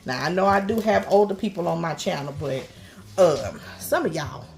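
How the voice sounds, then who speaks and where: A woman's voice: on the low side, lively intonation, moderate pace, creaky, a little mellow. A middle-aged woman, chatting folksily through a casual cooking vlog in her home kitchen and calling viewers honey and child. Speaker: cooking vlogger. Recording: noisy room with chopping and clicks.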